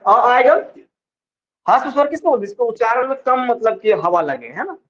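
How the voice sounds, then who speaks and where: A male teacher with a very high, sing-song voice and a fairly bright tone lectures on vowels in classroom style, explaining slowly, stretching out example words, and often checking that students follow. The sound is dull and lo-fi.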